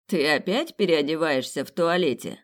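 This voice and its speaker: Cocky young man, read by a woman, teasing, loud, mocking, storybook scene. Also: fairly low pitch, very animated, moderate pace.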